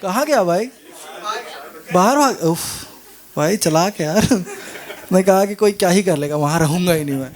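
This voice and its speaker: A man's voice: sits high, animated, moderate pace, long pauses. A man hosting an open mic event with a Hindi accent, joking with the audience and mixing in English. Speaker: event host. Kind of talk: casual stage hosting.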